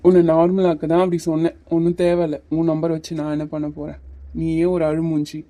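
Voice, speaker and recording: A woman voicing a calm, teasing young male hero in a cartoon series. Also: deep voice, a little fast, no echo, close to an everyday voice. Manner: teasing, patient, a little bossy. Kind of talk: Tamil cartoon series voice acting.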